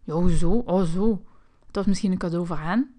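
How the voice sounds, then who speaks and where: A woman voicing a curious, mischievous young boy in a toy figure play video, excitable and whining. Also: lowish voice, moderate pace, close to an everyday voice.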